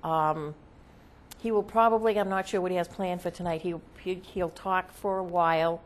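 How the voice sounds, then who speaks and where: In an interview, a woman speaking as a seance medium talks through her trance channeling in a casual, halting way, often checking with "okay?". Her voice is lowish with fairly even intonation.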